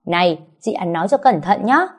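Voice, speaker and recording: A woman's voice: lowish voice, expressive, fairly quick, husky. A woman voicing an angry young mother who snaps sharply at another woman. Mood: furious. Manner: sharp, shouting. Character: angry young mother defending her daughter.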